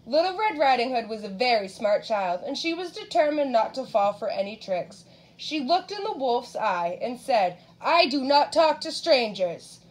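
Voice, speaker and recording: A woman with a high, bright speaking voice reads a picture book aloud to a little child. She keeps it lively and stops often to ask about the pictures. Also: normal speed, rough recording. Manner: animated, asks the child questions. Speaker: reader.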